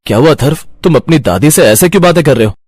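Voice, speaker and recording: A man's voice: on the high side, lively intonation, quick pace, a little mellow, breathy edge, dry recording, studio quality. A man playing a casual young college friend. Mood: reasoning.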